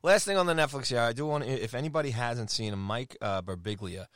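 A man's voice: mid-range voice, fast, a bit bright, no room sound, studio quality. A middle-aged man co-hosting a podcast, chatting casually in an easygoing, rambling, teasing way. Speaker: podcast co-host. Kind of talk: casual chat.

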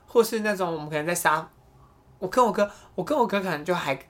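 A man's voice: high-pitched, fast, fairly bright tone. A man co-hosting a casual chat show, talking in a blunt, teasing way. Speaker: podcast co-host.

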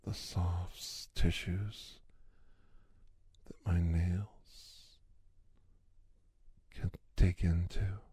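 Slow, dark-voiced man murmuring softly. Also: flat delivery, slightly rough, no room sound. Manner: slow, soft, lingering delivery with long pauses; drifts between low voice and whisper. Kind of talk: intimate ASMR roleplay.

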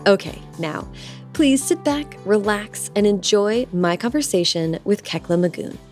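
A woman's voice: medium pitch, expressive, measured pace. Young woman podcast host, bubbly and eager, faint music under her voice. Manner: bubbly, enthusiastic. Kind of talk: podcast host read and interview.

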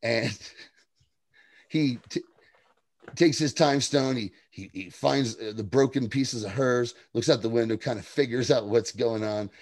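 A man's voice: mid-range voice, measured pace, a little mellow, no room sound. A man co-hosting a casual TV recap podcast, rambling with profane, laughing asides. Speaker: podcast co-host.

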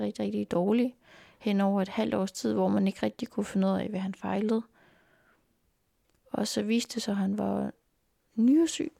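A young woman recounting her life in an interview, earnest and halting, speaking indoors at her grandparents' home. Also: medium pitch, creaky, mellow, dry recording, clean studio sound. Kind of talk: personal life story interview.

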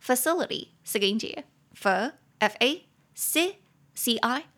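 A young woman with a Taiwanese Mandarin accent, hosting a casual podcast lesson, chatty, spelling words out and repeating phrases slowly. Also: on the high side, animated, a bit bright. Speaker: English teacher, podcast host.

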